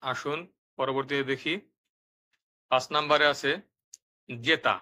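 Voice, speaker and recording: A man narrating a step-by-step language lesson, explaining pronunciation rules and repeating each example word twice, slowly and clearly. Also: mid-range voice, steady tone, bright, forceful tone. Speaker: language teacher.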